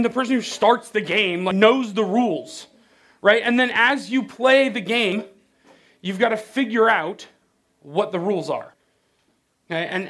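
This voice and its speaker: A man's voice: sits high, a bit bright. A man giving a casual, conversational sermon as a pastor. His voice has a cavelike echo from the sound system, and he keeps checking in with the crowd by asking "right?" and "okay?". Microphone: handheld microphone.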